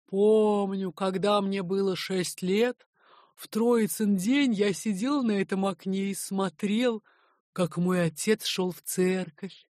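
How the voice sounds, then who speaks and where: A woman's voice: medium pitch, fairly even intonation, slow, no echo, studio quality, natural voice. A woman reading the part of a sentimental, long-winded aging nobleman, declaiming his lines. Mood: wistful. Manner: declaiming, rising to a shout.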